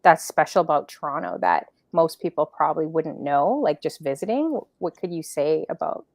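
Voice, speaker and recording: A woman hosting a talk show, chatty, shouting out viewers and asking leading questions. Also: low voice, lively intonation, normal speed, no room sound, studio quality. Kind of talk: casual interview chat.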